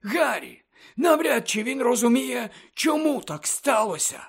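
A man voicing an elderly wizard headmaster who lectures urgently and emphatically, often close to shouting, in an audiobook reading. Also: very high voice, big pitch swings, a little slow, creaky, slightly rough, voice pushed up, full character voice. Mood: impassioned. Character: elderly male wizard headmaster, fervent and impassioned.

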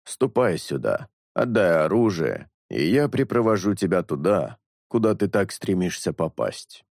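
This is a tall, silver-haired councillor in an audiobook, speaking in a calm, commanding tone, voiced by a man. His voice sits fairly low and sounds close and dry, with no room around it. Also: measured pace, vocal fry, no echo, exaggerated voice. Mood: calmly menacing.

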